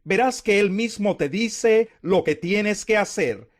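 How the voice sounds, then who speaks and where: A man's voice: high voice, expressive, takes it slowly. A man voicing a caring older mother-in-law who gives motherly guidance in scripted scripture dialogue. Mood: caring instruction. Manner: motherly, advising.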